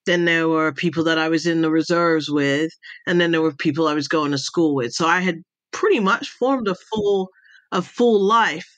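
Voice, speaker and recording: A woman from Jamaica, whose accent falls somewhere between American and British, speaks at a moderate pace in a deep voice with no echo. As an interview guest on a video call, she tells animated stories about her past in a casual, conversational way, laughing often.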